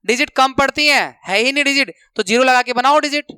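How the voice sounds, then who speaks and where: High, bright-voiced maths teacher. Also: male voice, a little fast, clean tone, no echo. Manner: counts steps aloud, repeats rules to remember. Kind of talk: classroom lesson explanation.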